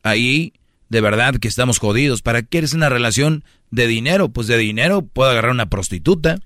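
A man's voice: mid-range voice, lively intonation, brisk, fairly bright tone, dry recording, clean studio sound. A man hosting a radio show, talking firmly and lecturing his co-host in casual banter. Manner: firm, lecturing, teasing.

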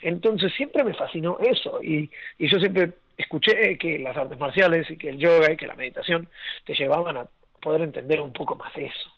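On a phone-quality line with no echo, a young man with an Argentine accent, raised between Argentina and Venezuela, tells his story as an interview guest. His voice runs on the high side at a moderate pace. He rambles, restarts often, leans on fillers, and laughs a lot.

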